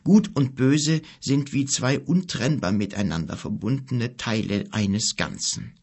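A man voicing a wise, calm old wizard who speaks slowly and solemnly in a husky voice. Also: medium pitch. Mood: solemn, grave. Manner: slow, solemn, measured.

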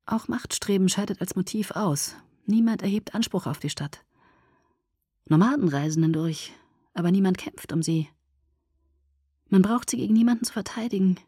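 A woman voicing a grim young male vampire soldier in a hushed, breathy whisper, brooding and slow, in an audiobook reading. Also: on the low side, no echo, studio quality.

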